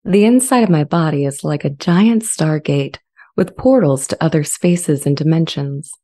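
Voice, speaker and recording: In this dramatized dialogue, a woman performs the part of a sentient artificial intelligence. She reads with a serene, thoughtful calm, her low, soft-edged, mellow voice moving in measured, reflective phrases, close to a large studio condenser mic.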